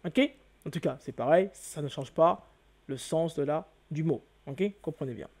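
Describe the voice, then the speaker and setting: A man's voice: fairly high pitch, normal speed, vocal fry, darkish tone, husky. A man giving a video lesson as host, exclaiming often and repeating his key words, asking the listener questions and answering them himself. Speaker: channel host teaching hieroglyphs.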